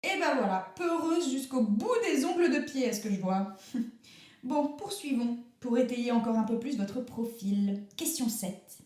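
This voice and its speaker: Woman playing a mock-formal young radio interviewer, teasing, mellow tone, roomy sound, comic radio sketch. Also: fairly high pitch, expressive, unhurried.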